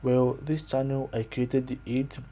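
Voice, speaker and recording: A young Zambian man with a very dark, mellow voice explains his channel in a casual, matter-of-fact way. He keeps stringing points together with "so" and "okay". He speaks into a desk webcam in a small indoor room. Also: mid-range voice, level tone, slow, lo-fi sound. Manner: plain, explanatory, with frequent "okay" and "so". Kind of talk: casual screen-share walkthrough. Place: small room indoors, pink-lit wall behind.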